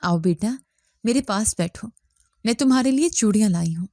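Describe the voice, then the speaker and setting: A woman's voice: medium pitch, expressive, dark tone, no echo, clean studio sound, lightly acted. A woman voicing a sweet-talking, scheming stepmother with a coaxing tone.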